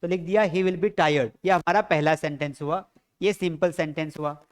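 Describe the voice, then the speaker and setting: A man with an Indian English accent leads a classroom lesson. His voice sits high and sounds smooth and clear, and he keeps quizzing his students with repeated questions. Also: steady tone, moderate pace. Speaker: English teacher.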